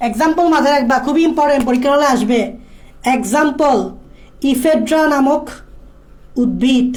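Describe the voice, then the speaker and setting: Her voice sits high and is a little mellow as this woman gives a casual exam-prep biology lecture. She keeps repeating and drilling the key points while checking that students follow.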